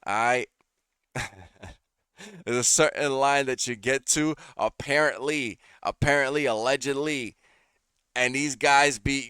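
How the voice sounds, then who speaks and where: Slangy, animated young man reacting. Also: mid-range voice, clean tone, no echo, studio quality. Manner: animated, slangy, repeats himself. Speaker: reaction streamer. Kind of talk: casual reaction commentary.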